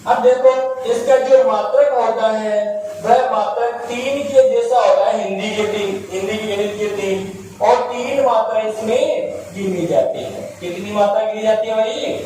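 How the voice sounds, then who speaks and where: A man's voice: high-pitched, unhurried, mellow, a little hiss or hum. A man teaching Hindi grammar in a class, repeating key points and asking and answering his own questions. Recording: very echoey room, mic at a distance.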